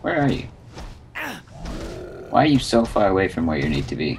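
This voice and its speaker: A man's voice: low-pitched, big pitch swings, moderate pace, a little hiss or hum. A man in casual gaming chat, talking in a blunt, exclamatory way to his friends. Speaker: gamer in a group play session.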